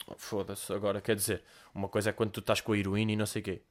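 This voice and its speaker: Man putting on a low-voiced macho taxi driver, gruff and boastful. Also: flat delivery, rapid-fire, close to an everyday voice. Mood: swaggering. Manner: gruff, swaggering, swearing.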